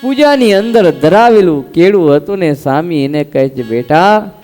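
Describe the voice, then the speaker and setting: A man's voice: on the high side, animated, normal speed, dark tone, faint music behind. A man, a swami, giving a devotional sermon, telling a story with rhetorical questions and acting out the dialogue. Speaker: swami giving a scripture discourse.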